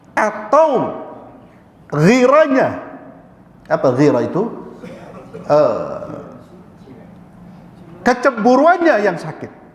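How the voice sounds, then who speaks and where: A man delivers a mosque sermon in a high, animated voice that leaps up and down in pitch. He keeps posing questions to his listeners and answering them himself. The sound rings out with a long reverb through a mosque hall. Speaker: preacher.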